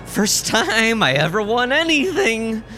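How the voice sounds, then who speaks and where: A man's voice: very high voice, very animated, slow pace, sharp tone, faint music behind, voice pushed up, heavily acted. A man voicing a jittery, panicky small young man for a story reading, stammering through frantic outbursts. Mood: panicked. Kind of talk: audiobook character voice.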